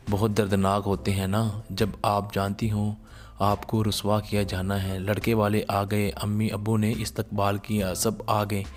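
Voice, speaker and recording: A man narrating an emotional moral story in a slow, sorrowful storytelling manner. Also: fairly low pitch, darkish tone.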